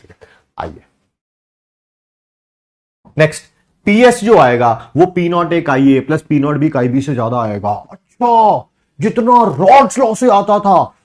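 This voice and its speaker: Animated joking male teacher. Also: a little high. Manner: animated, jokey, asks class questions. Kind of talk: classroom lecture.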